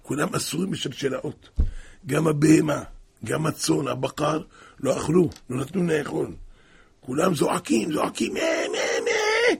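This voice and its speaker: A man telling a religious story in an animated way, leaping to high exclamations and then sinking to a hush. His voice is gravelly with a husky rasp, and it sits a little high. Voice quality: gravelly, raspy. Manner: dramatic, with sudden high exclamations and hushed drops.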